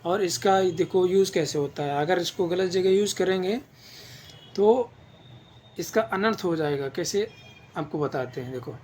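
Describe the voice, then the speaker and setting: Higher-voiced man teaching an exam-prep lesson. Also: a little slow, darkish tone, a little hiss or hum. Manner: patient explaining with repeated check-ins.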